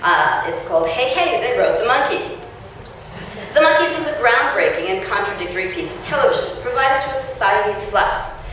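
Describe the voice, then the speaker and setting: At a book launch, a woman author gives an expressive, emphatic reading of her essay with clear phrasing, in a fairly high voice and at a slightly fast pace. The indoor event space is roomy and echoing, picked up by a distant mic with faint noise.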